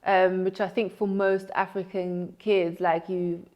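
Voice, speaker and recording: A woman's voice: fairly low pitch, level tone, a little slow, muffled recording. Chatty young woman guest. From Netherlands. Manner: chatty, frequent "like" fillers. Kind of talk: casual interview chat.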